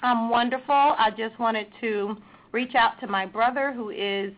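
A woman's voice: fairly high pitch, steady tone, unhurried. A woman calling in for a casual chat, teasing and wry, heard over a phone line. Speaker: caller, the host's sister.

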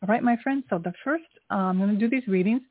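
A woman hosting a spiritual call-in show as an angel card reader, speaking in an encouraging, affirming way with a husky, gravelly voice. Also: mid-range voice, fast, no room sound. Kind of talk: spiritual reading with call-in segment. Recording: tinny phone-line sound, roomless and dry.

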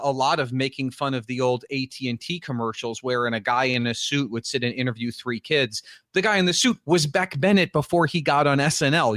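A man's voice: medium pitch, a bit bright, no echo, clean studio sound. A man co-hosting a podcast, recapping in casual, enthusiastic, rambling chat. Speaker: podcast co-host.

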